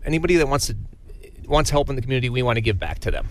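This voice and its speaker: Informal man, halting, medium-pitched. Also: very animated, a little hiss or hum. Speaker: business owner, interview guest. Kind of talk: casual radio interview.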